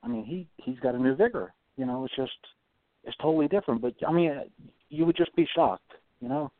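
A man's voice: mid-range voice, brisk, dry recording. A man from South Carolina calling in to a radio show over the phone, meandering and hedging as he talks. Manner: meandering, hedging, clears throat often. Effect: heard over the phone. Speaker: radio call-in caller. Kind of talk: casual call-in chat. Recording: tinny phone line, dry.

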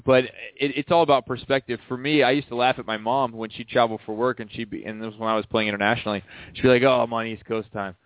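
A man's voice: mid-range voice, fairly even intonation, quick pace, dry recording. A man in his late thirties, a radio co-host, chatting casually and telling stories about sports travel. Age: 30s. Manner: chatty, storytelling. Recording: dry phone-line sound.

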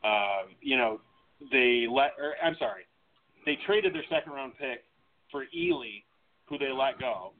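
A man co-hosting a casual sports chat, steady, laid-back and analytical. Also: medium pitch, a little slow, vocal fry. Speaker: podcast co-host. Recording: tinny phone-like line.

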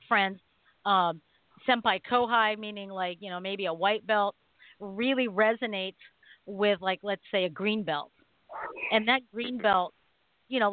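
A woman's voice: mid-range voice, dry recording. A woman co-hosting a talk radio show and teaching martial arts, chatting casually in a rambling way, with many restarts and frequent laughs. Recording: tinny phone-line sound, dry.

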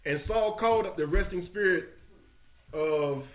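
A man teaching a live-streamed Bible study, reading verses aloud and retelling scripture in an animated, preachy way. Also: high voice, unhurried. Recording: echoey, phone-like stream audio.

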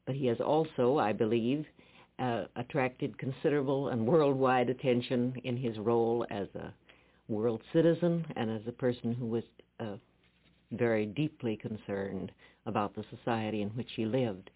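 A man interviewing a guest in a radio studio, heard as an old radio broadcast; he speaks in a measured, polite way with hesitant pauses. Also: medium pitch. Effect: old radio broadcast sound. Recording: narrow-band 1950s radio archive.

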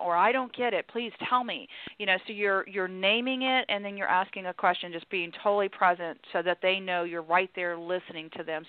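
A woman's voice: medium pitch, dry recording. Woman host on a tinny phone line. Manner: friendly, restarts often, coaching tone. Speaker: radio show host. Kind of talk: casual advice talk. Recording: phone-like dry lo-fi sound.

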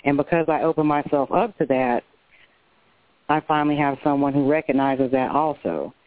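A woman's voice: sits low, moderate pace, no echo. A woman calling in to a radio show over a phone line, talking earnestly and personally with a few restarts. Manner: earnest, personal, speaks from the heart with some restarts. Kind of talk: casual call-in chat. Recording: tinny dry phone line.

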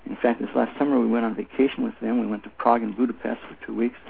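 An older man talks in a very gravelly voice, as an instructor explaining in an interview. He tells anecdotes in an emphatic, repetitive, conversational way. The sound is a narrow phone line with a faint layer of noise. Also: medium pitch, little pitch movement, fast talker. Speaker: Tai Chi instructor, interview guest.

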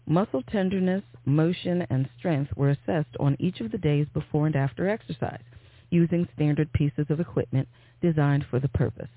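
A woman's voice: low voice, moderate pace, dry recording. A woman hosting a radio program, reading scripted announcements and news over a phone-like connection. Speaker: radio host. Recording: dry, tinny phone-line sound.

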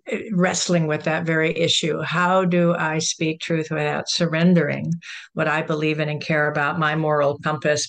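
A podcast host interviewing a guest in an encouraging way, often adding soft affirmations. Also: mid-range voice.

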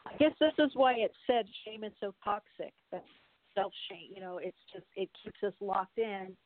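A woman's voice: medium pitch, expressive, moderate pace, no room sound. A woman hosting an interview, reflective in tone and leaning on frequent fillers as she asks her questions. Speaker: interview host. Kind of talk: interview talk. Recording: dry phone-like sound.

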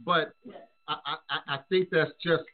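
An American man hosting a casual discussion show, talking haltingly and repeating words as he reasons. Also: a little high, steady tone. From United States. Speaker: show host. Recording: dull, lo-fi call audio.

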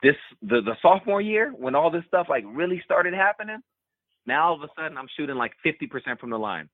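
A man, a former college basketball player and podcast guest, telling a personal story in an animated way and repeating words for emphasis. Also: on the high side, quick pace, dry recording. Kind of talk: candid storytelling in a podcast interview. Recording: tinny remote call line, dry.

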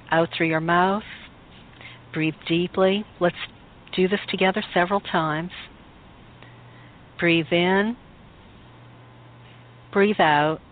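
A woman leading a guided meditation in a calm, soothing, unhurried voice with pauses. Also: fairly low pitch. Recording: muffled phone-like recording with music. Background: meditation music.

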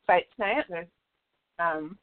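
A woman's voice: lowish voice, slow pace. Laughing woman co-host on tinny audio. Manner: laughs often, many fillers, swears. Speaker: podcast co-host. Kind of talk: casual chat.

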